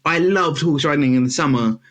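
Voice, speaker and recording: A man's voice: a little high, brisk. A young man from the UK hosting a podcast, chatting casually and joking, with lots of restarts. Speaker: podcast host. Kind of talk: casual chat.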